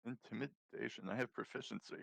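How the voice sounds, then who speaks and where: A man's voice: mid-range voice, fairly even intonation, a little fast, gravelly, fairly bright tone, dry recording, low-quality recording. A man playing a tabletop game, chatting casually and playfully. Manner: laughs through his lines, loose and playful. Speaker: player.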